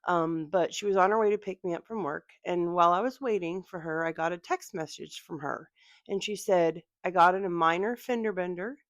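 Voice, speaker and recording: A woman's voice: on the low side, fairly quick, no room sound. A woman vlogger telling a personal story to her viewers in an earnest, direct way.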